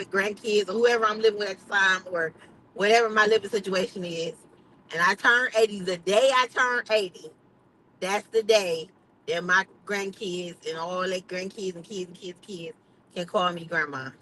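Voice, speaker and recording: A woman's voice: mid-range voice, pushed and bright, a little hiss or hum, low-quality recording. A middle-aged woman chatting casually on a livestream, blunt and emphatic, swearing freely. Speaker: vlogger.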